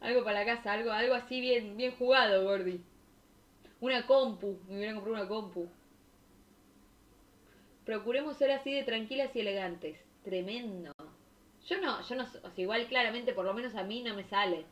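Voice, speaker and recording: A young woman from Argentina with a Rioplatense accent, reacting to viewer stories on a stream in an expressive, slangy way. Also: mid-range voice, brisk. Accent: Rioplatense Spanish. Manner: expressive, slangy, laughing and exclaiming. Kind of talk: casual chat reacting to stories.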